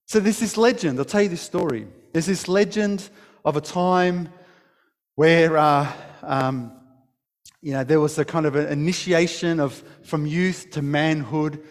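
A male pastor preaches and tells a story with emphasis, restarting his phrases as he goes. His voice sits fairly high. It rings out in a hall with a long echo. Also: a little slow. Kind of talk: sermon.

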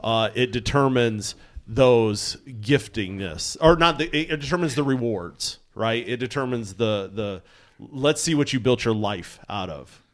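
A man's voice: mid-range voice, a little slow. A man on a podcast answering a theology question, searching for words and repeating himself as he goes. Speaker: podcast co-host. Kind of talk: casual theological discussion.

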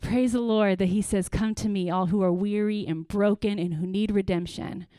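A middle-aged woman pastor giving an earnest, lively workshop talk to parents, with praise asides and acted-out stories. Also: medium pitch, moderate pace, clear, resonant tone, no room sound. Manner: lively storytelling, acts out quotes with bursts.

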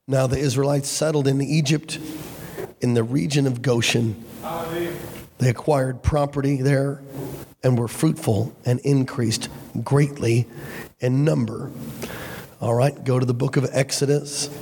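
A man preaching as a pastor with a gravelly voice, hoarse from a cold, in a deliberate, emphatic sermon delivery. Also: mid-range voice, a little mellow, slight background noise. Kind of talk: sermon with scripture reading and prayer. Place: large church hall. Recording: reverberant large-hall sound.

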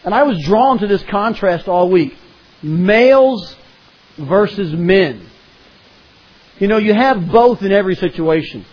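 A man's voice: sits high, expressive, a little fast, few pauses, slightly rough, lo-fi sound. A man preaching a sermon to a congregation, asking rhetorical questions and prompting his listeners to respond.

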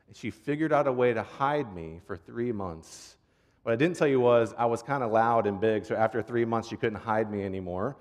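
In a long, reverberant hall, a man with a mid-range voice and darkish tone delivers a conversational sermon full of prayer and stories. He speaks as an earnest, informal pastor, using repeated phrases to set a rhythm.

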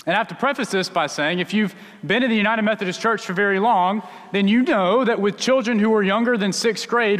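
A man preaching in a church sanctuary, his voice notably high for a man. He tells his story in a loose, conversational sermon style, often restarting sentences. The room gives his voice a long, echoing reverb. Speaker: pastor.

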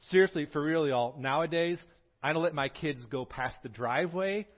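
A pastor in his forties from Southern California, who prays quietly and then preaches in a lively storytelling way with touches of humor. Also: on the high side, normal speed, dull audio. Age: 40s. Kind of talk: sermon.

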